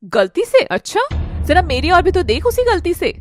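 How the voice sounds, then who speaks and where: A woman's voice: very high-pitched, big pitch swings, moderate pace, soft background music, pitched above the performer's own voice. A woman doing a cruel sneering woman. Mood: furious. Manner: sneering, abusive, shouting insults. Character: cruel scornful woman, spiteful ex-wife.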